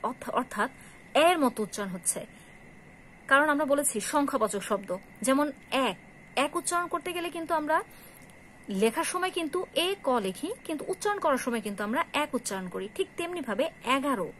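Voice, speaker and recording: A woman with a high voice teaches a grammar lesson as a college lecturer. She explains step by step and asks questions that she answers herself. A faint hiss sits under her voice.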